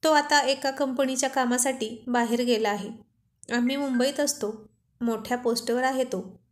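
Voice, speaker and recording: A woman's voice: high-pitched, fairly even intonation, moderate pace, natural voice. A woman reading as a haughty, bragging young wife. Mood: boastful. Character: boastful, proud young married woman showing off.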